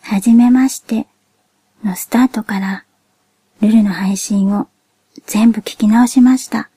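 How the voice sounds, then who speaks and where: A woman hosts a podcast in a breathy near-whisper with a cute, childlike anime quality. Her tone is mellow and soft, and her delivery is gentle, polite and measured. The sound is dry, with no room around it. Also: mid-range voice, fairly even intonation, no room sound. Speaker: podcast host.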